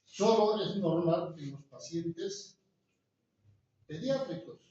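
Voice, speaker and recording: A man's voice: high voice, expressive, slow, warm tone. Guy teaching a class, keeps asking the room questions, sounds far off in a big echoey room, kinda muffled. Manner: asks the class constant rhetorical questions. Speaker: lecturer. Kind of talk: classroom lecture. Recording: echoey, distant, dull room recording.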